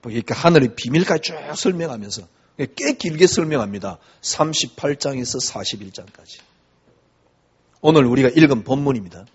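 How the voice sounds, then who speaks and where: A man's voice: medium pitch, a little mellow, breathy edge. A middle-aged man preaching a sermon as pastor, talking conversationally and asking the congregation rhetorical questions. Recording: dull lo-fi recording.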